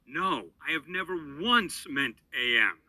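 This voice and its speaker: A man voicing an imperious, excitable cartoon game-show host, emphatic like an announcer. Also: on the high side, unhurried, no echo, full character voice. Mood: indignant. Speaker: competition host.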